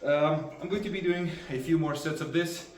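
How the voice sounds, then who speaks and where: A man's voice: on the high side, normal speed. Brief: man, casual training vlog, breezy explainer with fillers, now and then winded, echoey room. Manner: breezy, explaining exercises between sets with many fillers. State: out of breath at times. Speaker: arm wrestler filming his training. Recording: roomy sound from a far camera, faint music.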